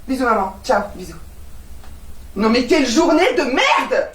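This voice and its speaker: A woman's voice: on the high side, very animated, unhurried, noisy background. An actress playing an exasperated, sarcastic young woman, heard on a stage. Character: exasperated young woman, sharp-tongued and ironic. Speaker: new tenant. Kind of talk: stage comedy acting. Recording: echoey stage sound from far off.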